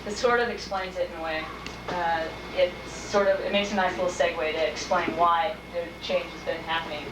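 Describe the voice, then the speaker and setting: A woman's voice: fairly low pitch, steady tone, fairly quick. A woman chatting informally to a convention audience as she presents her fan videos, recorded on old VHS camcorder tape. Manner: chatty, informal, addresses the crowd directly. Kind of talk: casual panel talk to an audience. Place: convention screening room with audience. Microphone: camcorder mic from across the room. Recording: echoey hall, distant camcorder mic, tape hiss.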